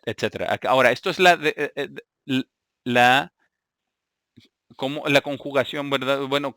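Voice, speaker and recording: A man preaching a teaching sermon, halting and repeating words, often checking in with his listeners. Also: medium pitch, fairly bright tone, dry recording, studio quality. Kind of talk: sermon teaching Greek grammar.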